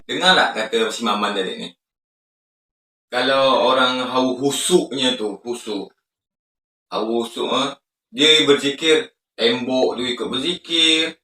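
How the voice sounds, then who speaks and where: A man's voice: mid-range voice, unhurried, pauses often, pushed and bright, echoey room, distant mic, a little hiss or hum. A man giving casual reaction commentary on a clip, skeptical and mocking, asking pointed questions.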